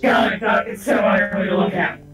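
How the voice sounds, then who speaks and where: A roleplayer voicing an abrasive, centuries-old military android that is a fox-bunny hybrid, talking brashly and often shouting. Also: mid-range voice, fairly even intonation, fairly quick, natural voice. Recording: very echoey, far from mic, loud music and crowd.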